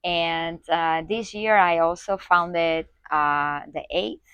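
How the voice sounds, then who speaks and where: A woman with a low voice speaks as an interview guest. She talks haltingly and stops often for fillers and restarts. The sound is dry and close. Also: fairly even intonation, clean tone, no room sound, muffled recording. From Spain. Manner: hesitant, many fillers and restarts. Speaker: guest, community organizer. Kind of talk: conversational interview.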